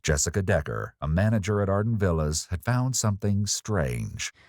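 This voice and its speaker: A man reading a scripted true-crime narration in a measured, ominous way. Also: deep voice, very animated, darkish tone, dry recording, clean studio sound. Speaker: documentary narrator.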